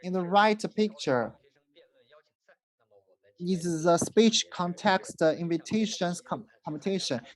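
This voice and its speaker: Slow, halting university presenter. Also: medium pitch, lively intonation, low-quality recording. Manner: halting and hesitant, frequent fillers and restarts. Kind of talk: presentation with live interpreting.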